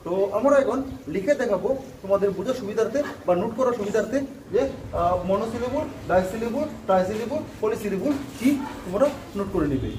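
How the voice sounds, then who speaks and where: A man teaching a grammar lesson to students, explaining patiently, repeating points and often pausing with fillers and asking if they follow. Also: high voice, animated, darkish tone. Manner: repetitive, frequent filler "ah", checks "okay?". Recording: roomy, distant mic, faint background noise.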